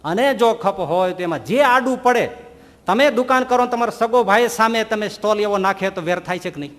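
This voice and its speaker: A man preaching a sermon, telling animated stories and asking rhetorical questions. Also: high-pitched, brisk, in a large hall. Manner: animated storytelling, rhetorical questions, voices quoted figures. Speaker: Swaminarayan preacher.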